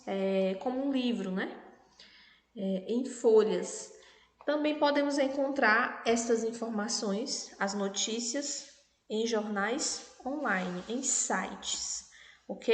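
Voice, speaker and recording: Patient Brazilian woman teacher, echoey room. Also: fairly high pitch. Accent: Brazilian Portuguese. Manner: patient, checks in with "tá bom?" and "né?" often; clear, over-articulates words for children. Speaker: primary school teacher. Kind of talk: recorded online lesson for children. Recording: echoey room with long reverb.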